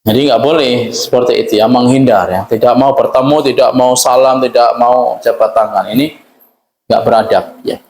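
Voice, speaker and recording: A man's voice: mid-range voice, darkish tone. Man lecturing in an echoey room. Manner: explains patiently, with frequent tag "ya" and Arabic phrases. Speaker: ustadz teaching a religious text. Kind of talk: Islamic study lecture.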